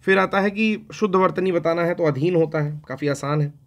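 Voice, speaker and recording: A man's voice: on the high side, brisk. A man teaches an exam-prep spelling lesson. He talks in an easy, conversational way, keeps checking in with his students and mutters to himself as he writes. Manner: conversational, repeats "theek hai na" often; talks to himself while writing on a board.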